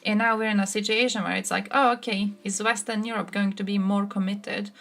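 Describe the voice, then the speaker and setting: A woman's voice: medium pitch, gravelly. A woman from Croatia streaming live, giving blunt, sarcastic political commentary and answering chat, swearing freely.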